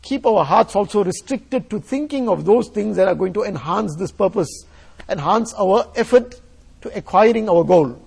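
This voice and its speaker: Male preacher. Husky, creaky voice pitched high. Earnest, exhorting sermon delivery. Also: expressive, normal speed, darkish tone. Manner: earnest, exhortatory, repeating phrases for emphasis. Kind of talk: sermon, reading Urdu passages and translating them into English.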